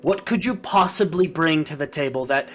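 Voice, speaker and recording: A man's voice: fairly high pitch, expressive, normal speed. A man voicing a proud, stern male elf guard captain who barks orders in a commanding way. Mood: scornful. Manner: barking, commanding.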